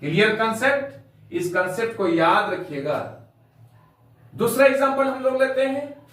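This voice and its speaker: Male grammar tutor, high voice, very echoey room, mic far away. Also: animated, moderate pace, fairly bright tone. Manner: spells words out letter by letter; addresses students as dear children. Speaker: English grammar teacher. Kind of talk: classroom lesson.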